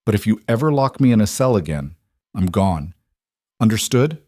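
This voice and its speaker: A man's voice: fairly low pitch, very animated, moderate pace, warm tone, no echo, studio quality. A man voicing a fierce young heroine. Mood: firm. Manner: firm and direct. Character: young woman, steady and fierce borderland advisor.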